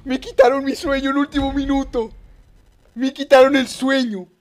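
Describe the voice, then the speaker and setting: A man streaming live gameplay commentary, excitable, muttering one moment and shouting the next. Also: very high voice, normal speed. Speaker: gaming streamer.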